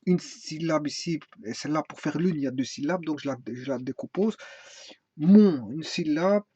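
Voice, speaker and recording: A man giving an informal music theory lesson, hesitant, with many fillers and restarts, now and then singing a phrase slowly. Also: a little high, a little mellow, breathy edge, no room sound. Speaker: music teacher. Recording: dry, dull lo-fi sound.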